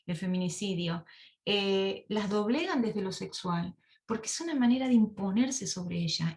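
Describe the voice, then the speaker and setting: A woman giving a sermon-style Bible study to a women's group over a video call. She tells stories and asks her listeners rhetorical questions. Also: mid-range voice. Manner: animated storytelling, rhetorical questions. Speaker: women's service speaker.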